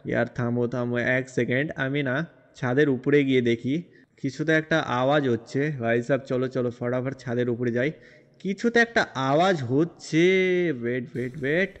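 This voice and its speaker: A man's voice: mid-range voice, fairly quick, lo-fi sound, natural voice. A man role-playing a boastful young game hero, talking in a rambling, chatty way. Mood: worried. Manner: rambling, chatty, repeats fillers. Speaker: gameplay narrator and role-player. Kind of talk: game role-play narration.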